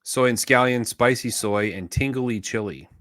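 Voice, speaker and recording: A man's voice: mid-range voice, normal speed, a bit bright, dry recording, studio quality. A man co-hosting a knife show in casual chat, rambling and easygoing with lots of fillers.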